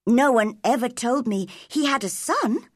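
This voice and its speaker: A shy little girl with a light, high voice that rises and falls eagerly, stammering a little before finding her courage, put on by a woman reading a storybook. Her lines come slowly and carefully, with a close, dry sound. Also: huge pitch swings, a bit bright, no room sound, full character voice. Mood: excited. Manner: shy, stammering, growing brave. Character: timid hopeful young girl.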